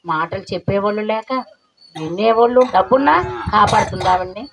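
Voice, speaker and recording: A woman's voice: mid-range voice, lively intonation, normal speed, creaky, crowd noise. A middle-aged woman giving a spiritual meditation class in an earnest, preaching way, full of rhetorical questions. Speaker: meditation teacher. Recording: dull lo-fi recording, faint noise.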